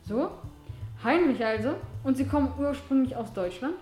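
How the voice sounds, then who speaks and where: Actress as a vengeful young woman, high and biting, radio-drama style, music under. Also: expressive, moderate pace, warm tone. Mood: probing. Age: young adult. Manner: cold, accusing, cutting. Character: young woman, bitter and vengeful toward an old friend. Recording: echoey room with music behind.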